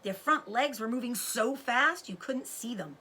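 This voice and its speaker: In an unhurried, husky voice of fairly high pitch, a woman animatedly reads a story to children. Like a teacher, she explains words for her young audience as she goes.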